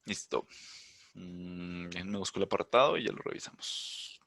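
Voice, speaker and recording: A man's voice: deep voice, moderate pace, creaky, fairly bright tone. A man teaching an online class, explaining step by step and often checking with his students that they follow. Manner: explanatory, checks in with "¿listo?" and "¿vale?"; thinks aloud, hums while searching the screen. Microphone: computer mic on a video call.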